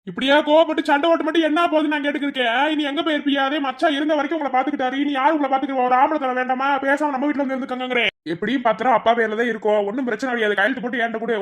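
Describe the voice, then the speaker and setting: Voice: high-pitched, fairly bright tone. A performer voicing a greedy, scheming brother-in-law in a cartoon, a pushy man who talks over the grieving family with a Madurai Tamil accent. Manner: fast, pushy, dismissive talk. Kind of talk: cartoon voice acting.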